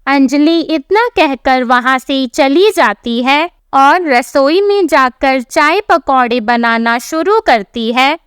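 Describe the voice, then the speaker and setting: A woman narrating a scripted family story in a measured, plain storytelling manner, close to the mic. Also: high voice, expressive, a bit bright, dry recording.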